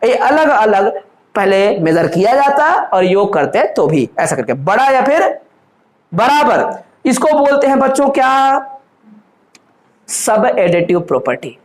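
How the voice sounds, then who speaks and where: A man's voice: high-pitched, big pitch swings, a little slow. A man lecturing on university mathematics, constantly posing questions to his students and answering them himself, calling them children. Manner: addresses listeners fondly as children. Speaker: math lecturer. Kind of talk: classroom lecture in Hindi mixed with English terms.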